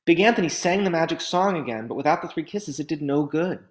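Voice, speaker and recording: A man reading a picture book aloud in an expressive, dramatic storytelling style. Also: fairly high pitch, a little fast.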